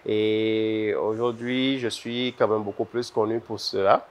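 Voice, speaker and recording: A visual artist with a Beninese French accent answers interview questions conversationally as a guest, repeating words while he thinks. His voice is fairly low with little pitch movement and a measured pace. The recording is muffled, with a noisy ambient background.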